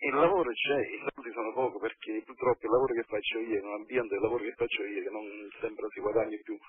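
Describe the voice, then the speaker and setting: A man's voice: lowish voice, steady tone, fast talker, a little hiss or hum. A man in his fifties with a Campanian accent, calling a phone-in casually from his car. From province of Caserta, Italy. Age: 50s. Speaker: phone-in caller. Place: in a car, driving. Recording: muffled phone call, voices behind.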